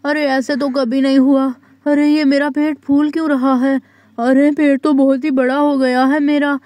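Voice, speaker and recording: A woman's voice: high-pitched, little pitch movement, normal speed, a little mellow, dry recording, natural voice. A woman voicing a young village husband in a doll story, groaning and pleading over a stomach ache. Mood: pained. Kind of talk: doll story role-play.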